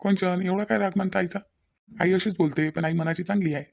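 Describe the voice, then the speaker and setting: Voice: mid-range voice, steady tone, brisk, vocal fry, darkish tone. A performer voicing a young husband in a cartoon, coaxing and pleading, caught between wife and mother, with a Vidarbha Marathi accent. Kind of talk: cartoon voice acting.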